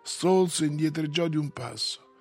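A man narrating a classic novel for an audiobook in a measured, solemn way. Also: on the high side, creaky, darkish tone, breathy edge, soft background music.

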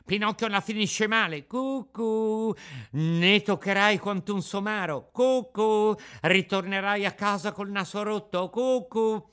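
A gang of mean schoolboys, as a man reading a storybook puts them on, chanting taunts in a high sing-song voice. It is loud and jeering, well above the reader's own pitch. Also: a little slow, smooth. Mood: taunting.

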